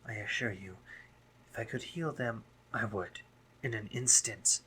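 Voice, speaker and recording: In an intimate roleplay audio drama, a man voices a brooding, sardonic drider monster who is a guarded but caring doctor, speaking formally with halting pauses. His lowish voice has a sharp tone, the mood is grave and gentle, and the poor audio carries a little hiss or hum.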